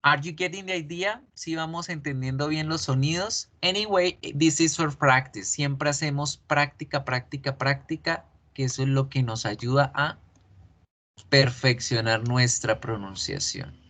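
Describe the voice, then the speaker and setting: Male teacher, unhurried and deliberate, repeats model words for practice. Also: on the high side, a bit bright. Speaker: English teacher. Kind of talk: pronunciation lesson.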